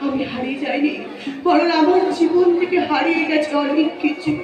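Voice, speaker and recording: A woman's voice: sits high, normal speed, muffled recording, a crowd in the background, close to an everyday voice. A woman on stage playing a young police officer who loves an unemployed man, with a declamatory, projected manner. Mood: sorrowful. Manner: declamatory, stage-projected delivery with emotional outbursts. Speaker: stage actor. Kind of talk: live folk-theatre melodrama. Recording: echoey live stage from far off. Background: music and audience.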